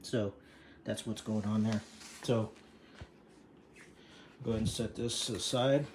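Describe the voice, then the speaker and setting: Slow and steady in a lowish voice, a bike mechanic demonstrates a repair against background noise. His casual how-to talk rambles with fillers, and he's breathing hard from bending over.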